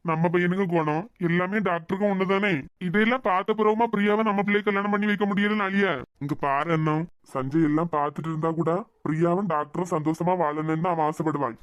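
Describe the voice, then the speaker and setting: A man's voice: fairly high pitch, dry recording, natural voice. A man with a Kanyakumari Tamil accent voicing an earnest younger brother in a cartoon web series, reassuring his grieving sibling. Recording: dull lo-fi sound.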